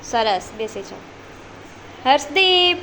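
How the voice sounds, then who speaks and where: High-voiced woman teacher, slow and patient. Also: big pitch swings, bright, forceful tone, slight background noise. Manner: slow, patient, repeats each child's answer. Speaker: preschool teacher. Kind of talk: classroom questioning of small children. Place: preschool classroom.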